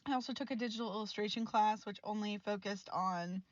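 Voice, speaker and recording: Speaking fairly quickly in a mid-range voice, a woman in her twenties who studies art chats candidly over her art footage, sounding casual and a bit exasperated while laughing a lot. The audio has no echo, and its highs are cut off.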